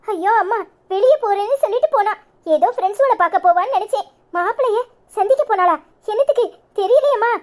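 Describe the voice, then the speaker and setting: A woman's voice: very high voice, expressive, fairly quick. A woman voicing a fretful village mother of a bride, pleading with her in-law and grumbling about her daughter. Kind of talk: cartoon voice acting.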